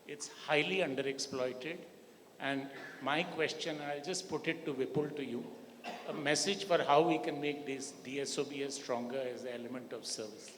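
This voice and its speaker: A man's voice: mid-range voice, normal speed, fairly bright tone. A man offers unscripted remarks to a conference panel. The long reverb of a large hall trails his voice, with faint ambient noise behind.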